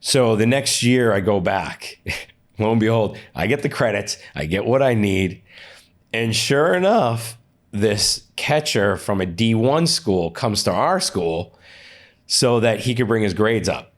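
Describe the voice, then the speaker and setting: A man's voice: on the low side, expressive, measured pace. A man in an interview, telling stories casually, often restarting and repeating words. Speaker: interview guest, athlete and coach.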